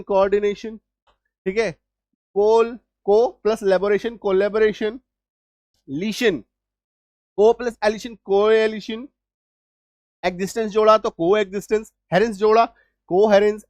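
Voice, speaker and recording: A male English teacher with a high, slightly mellow voice gives a spoken lesson with no echo. He explains patiently step by step, repeating words and often checking that his students understand.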